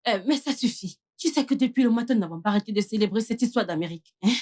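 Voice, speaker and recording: A woman playing a high, teasing village woman. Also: expressive, very fast, warm tone. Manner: laughing, teasing. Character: mocking village woman, quick to tease. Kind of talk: dubbed film acting.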